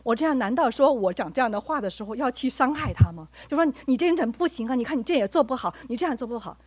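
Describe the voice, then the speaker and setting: A woman's voice: on the high side, animated, very fast, husky, dry recording. A woman preaching a sermon with personal stories, speaking earnestly and acting out the dialogue she quotes.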